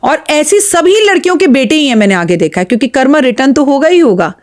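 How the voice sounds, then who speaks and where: Appearing as a podcast guest, a woman astrologer gives advice in a slightly high voice, very animated and quick-paced. She's blunt, emphatic and preachy, often retelling stories through quoted dialogue.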